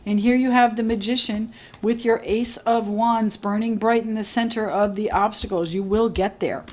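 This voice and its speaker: A woman giving a solo tarot reading to camera, musing gently and repeating her phrases, a little choked up. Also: fairly high pitch, steady tone, normal speed, poor audio. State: slightly choked up, clearing throat. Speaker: tarot reader.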